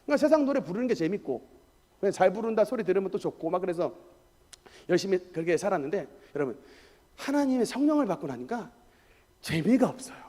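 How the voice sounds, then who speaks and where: A man preaching a sermon as pastor, telling emphatic personal stories in an animated way. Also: high-pitched, fast talker, long pauses. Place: church sanctuary. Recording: echoey church hall.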